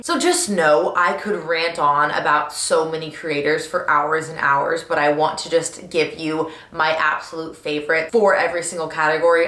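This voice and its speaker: A woman in her twenties chats to camera about fitness, gushing and bubbly, with little laughs. Her voice sits a bit low. She is recording at home indoors, and the room rings with echo. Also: a bit bright. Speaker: fitness vlogger. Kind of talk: casual chat to camera. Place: indoors at home, lit by twinkle lights. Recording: echoey room.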